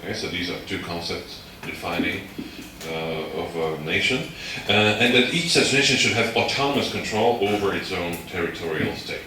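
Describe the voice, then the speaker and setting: A man delivers a university lecture in a deep, low voice. He builds his points step by step and keeps checking in with the room. The sound is distant and echoey, with steady background noise. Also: moderate pace. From Slovakia. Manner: explains step by step and checks in with the audience. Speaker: guest lecturer.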